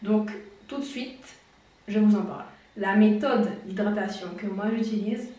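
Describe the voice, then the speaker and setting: A woman's voice: mid-range voice, warm tone. A woman giving a casual hair-care tutorial, chatty and explanatory, and now and then she laughs at herself. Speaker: beauty vlogger. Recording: very echoey room, distant mic.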